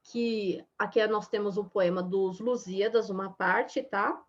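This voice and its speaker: A woman's voice: medium pitch, fairly even intonation, unhurried. A woman teaching a lesson in a chatty, casual way, full of little fillers. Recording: dull lo-fi sound.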